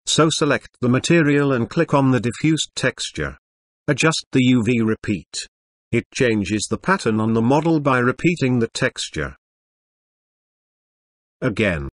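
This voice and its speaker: A synthetic, stilted male computer voice, like an old speech synthesizer, narrating a scripted software tutorial. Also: mid-range voice, no echo, clean studio sound. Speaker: tutorial presenter.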